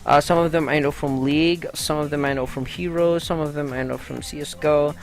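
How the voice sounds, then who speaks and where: Chatty gaming vlogger, gravelly voice. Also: medium pitch, steady tone, brisk, faint music behind. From Philippines. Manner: chatty and upbeat, lots of "uh" fillers. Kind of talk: casual vlog commentary on gaming news.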